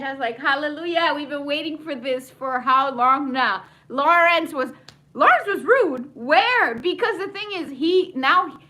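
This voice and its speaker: A woman with a high, bright voice chats through a TV recap, rambling and animated. She breaks into laughter often and drifts into asides. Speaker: TV recap vlogger. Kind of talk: casual chatty recap.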